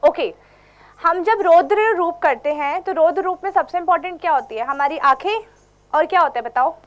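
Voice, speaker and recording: A woman's voice: extremely high pitch, moderate pace, dull audio. A young woman teaching a dance class to children, mixing Hindi and English and coaxing them with questions. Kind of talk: teaching children in an online workshop.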